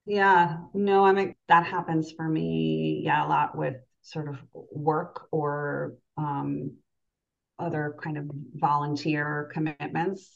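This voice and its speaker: Woman, forties, low voice with vocal fry, casual reflective chat, informal filler-heavy phrasing, slightly dull recording. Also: flat delivery, takes it slowly. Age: 40s. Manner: informal, peppered with "like", "you know" and "right?". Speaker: podcast guest.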